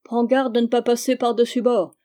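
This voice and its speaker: A woman's voice: mid-range voice, little pitch movement, brisk, dark tone, close to an everyday voice. A woman reading as a terse old sailor. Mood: teasing. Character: older male sailor on watch, laconic.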